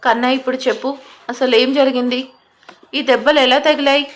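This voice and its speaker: A woman's voice: high voice, steady tone, moderate pace, natural voice. A woman voicing a prying, worried mother. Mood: tender. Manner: anxious, pressing questions. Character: worried suspicious middle-aged mother.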